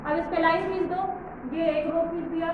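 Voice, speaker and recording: A woman teaching a school class with short, repeated questions, loud and deliberate as if to someone hard of hearing. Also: extremely high pitch, flat delivery. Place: indoor school classroom with pupils. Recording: very echoey classroom, distant mic, noisy, dull.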